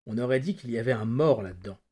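Homme lisant un récit avec gravité. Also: male voice, medium pitch, animated, a little mellow, breathy edge. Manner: measured, dramatic narration. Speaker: reader. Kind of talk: audiobook reading.

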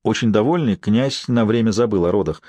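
A man with a dark-toned voice narrates a historical novel as an audiobook, speaking a little fast with no echo. He reads evenly but raises his pitch and volume for the characters' outbursts.

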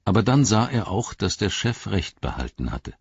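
A man narrating an audiobook as calm, measured storytelling. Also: on the low side, slightly rough, no echo, lo-fi sound. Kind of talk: scripted narration.

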